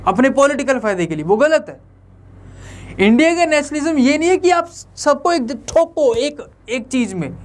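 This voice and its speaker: A young man teaching an online lecture in a conversational way, often asking the viewers rhetorical questions. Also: extremely high pitch.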